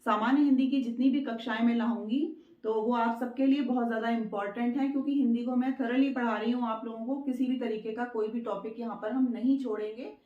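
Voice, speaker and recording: Lady teacher going thru grammar slowly step by step, dull echoey room sound. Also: on the high side, dark tone. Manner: slow, explains step by step and checks in with "ठीक है". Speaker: Hindi teacher. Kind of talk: exam-prep grammar lesson.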